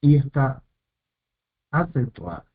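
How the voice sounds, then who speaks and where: Slow, methodical man on a tinny line. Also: medium pitch, very animated. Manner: slow, methodical, repeats each term. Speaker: Hebrew teacher. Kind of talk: step-by-step lesson. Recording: tinny phone-like sound.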